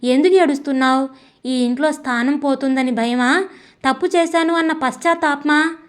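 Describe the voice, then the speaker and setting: A woman voicing an angry, proud wife who speaks in sharp, accusing lines in an audio story. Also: sits high, fairly even intonation, normal speed, lightly acted. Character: angry proud wife confronting her husband. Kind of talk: audiobook character voice.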